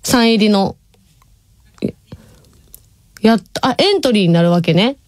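In a dry, studio-quality recording from a radio studio, a woman with a mid-range voice speaks unhurriedly with lively intonation. She's a Kansai-accented host in her twenties from Nishinomiya, Hyogo, Japan, who chats casually, reads listener messages, drawls some words and laughs a lot.

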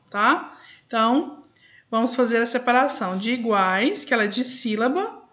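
A young adult woman, teaching a primary class remotely and spelling out answers slowly, checking in with the children often. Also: fairly high pitch, fairly bright tone. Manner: slow, drawn-out dictation with frequent "tá?" and "né?" checks. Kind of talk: recorded remote class correcting exercises.

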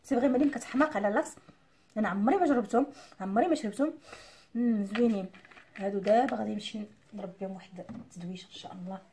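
A woman's voice: mid-range voice, rapid-fire, noisy background. A young woman with a Moroccan Arabic accent, chatting casually as a beauty vlogger while unboxing gifts, a little stuffy-nosed from an allergy and slipping French words into her talk. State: nasal from allergy.

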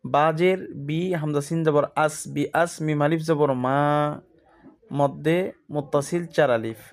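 A man teaches Quran reading in a slow, methodical drill, spelling out Arabic letters and vowel marks one at a time. His voice is a little high and steady in tone.

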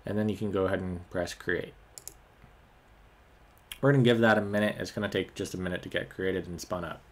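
A man's voice: low-pitched, a little fast. Man walking through a screen recording. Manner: relaxed, many ums and uhs. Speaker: tech tutorial host. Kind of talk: screen-recorded software walkthrough.

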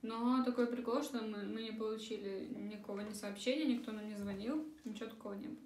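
A woman's voice: on the high side, quick pace, darkish tone. A young woman chatting casually for a mukbang vlog, talking while she eats at a table. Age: young adult. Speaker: vlogger. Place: small room at a dining table. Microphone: camera across the table. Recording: roomy, faint cutlery and dish noise.

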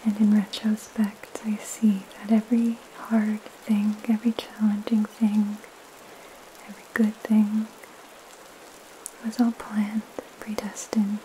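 A young woman giving a soothing, soft, breathy ASMR whisper, gentle and calming, with pauses between phrases. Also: mid-range voice, a little hiss or hum, low-quality recording. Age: young adult. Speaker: ASMR host reading scripture and praying. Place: small indoor room at home. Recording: steady rain sound behind the voice. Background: rain.

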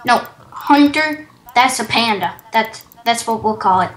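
A woman's voice: a little high, animated, unhurried, a bit bright. A woman hosting a casual game commentary. She chats and exclaims as she plays and reads quest text aloud. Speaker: gaming channel host. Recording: echoey room with faint hiss.

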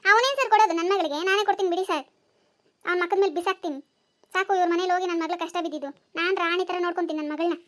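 A woman voicing a sharp-tongued mother who sides with her daughter in a cartoon. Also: very high-pitched, racing. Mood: scornful. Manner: scornful, bossy.

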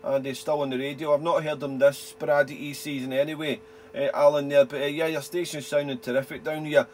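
A man's voice: on the high side, level tone, fairly quick, a little mellow, a little hiss or hum. A man from Wales chatting casually as an amateur radio operator, repeating himself and using call signs and phonetic spelling. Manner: chatty, repeats himself, tags sentences with "there". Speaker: amateur radio operator and hobby video maker. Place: indoors at a radio desk.

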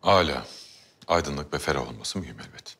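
Ottoman sultan for period drama: extremely low voice, measured, commanding yet gracious. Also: lively intonation, a bit bright, breathy edge, no room sound, full character voice. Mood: regal approval. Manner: measured, regal, terse.

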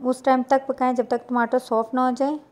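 A woman, talking viewers through a recipe step by step in a plain, unhurried voice-over. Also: sits high, flat delivery, darkish tone. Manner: plain instructional, unhurried with small restarts. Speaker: cooking channel host.

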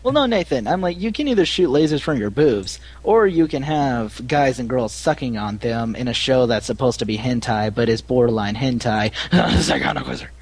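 A man co-hosting a casual podcast, animated and jokey. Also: mid-range voice, normal speed, few pauses. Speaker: podcast co-host. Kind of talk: casual chat.

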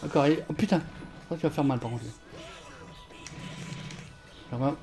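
A man streaming a fighting game from home on a desk mic, swearing and shouting at the game while chatting with viewers. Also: on the high side, unhurried, faint music behind. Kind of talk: live gameplay commentary. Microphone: desk microphone.

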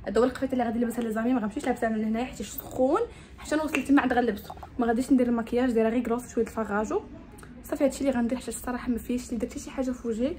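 A woman's voice: on the high side, fairly even intonation, rapid-fire, dark tone, slight background noise, rough recording. A young woman with a Moroccan Arabic accent, chatting to viewers in a casual, upbeat phone vlog. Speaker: vlogger.

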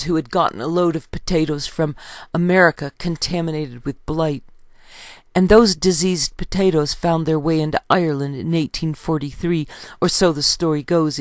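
A woman reading her own history book aloud in a steady, measured way, citing page numbers as she goes. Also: sits low, no echo, studio quality.

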